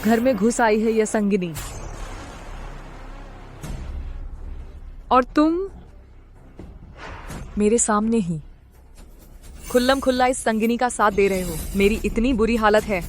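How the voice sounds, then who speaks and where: An actress dubbing a vengeful wife back from an asylum, cold and commanding. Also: female voice, a little high, measured pace, pauses often, a little mellow, slight background noise, lightly acted. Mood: angry. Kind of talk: Hindi dub of a drama.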